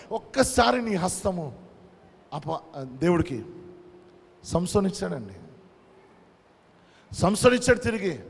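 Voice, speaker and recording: Man, pastor, sermon, high voice, emphatic repetition, reverberant hall. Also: vocal fry, husky. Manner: preaching with emphatic repetition, mixing in English phrases.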